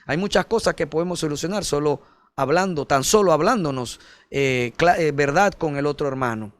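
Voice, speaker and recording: A man preaching a sermon as pastor, earnest and emphatic, addressing listeners directly as brother and swinging between forceful peaks and soft, low passages. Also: lively intonation, moderate pace.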